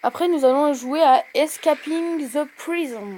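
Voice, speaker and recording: A young woman with a high voice talks through a mobile game, rambling and full of hesitations. She gets loud and excited when she wins. Steady background noise sits under the recording. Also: unhurried. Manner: chatty, rambling, many hesitations. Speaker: gaming video host. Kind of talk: casual mobile game commentary.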